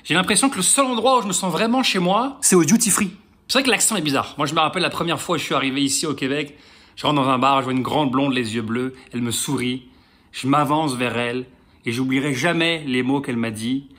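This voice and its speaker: Husky French man with a Quebec tinge. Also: mid-range voice, quick pace, fairly bright tone. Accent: French with a slight Quebec tinge. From France. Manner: wry, storytelling. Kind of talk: stand-up comedy.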